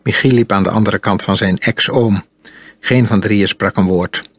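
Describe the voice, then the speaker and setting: Male audiobook narrator, calm and measured, lowish husky voice. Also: no echo. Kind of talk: audiobook reading.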